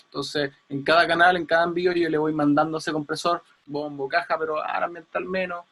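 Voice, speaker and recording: A man's voice: on the high side, steady tone, fairly quick, a bit bright. A man teaching an audio class over a video call, chatty and explaining with everyday comparisons. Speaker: audio engineering instructor.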